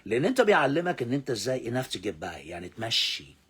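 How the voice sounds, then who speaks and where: A man with an Egyptian Arabic accent teaching English, repeating words slowly for pronunciation drills and swinging between loud emphasis and low asides. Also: big pitch swings, husky. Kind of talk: English lesson explained in Arabic.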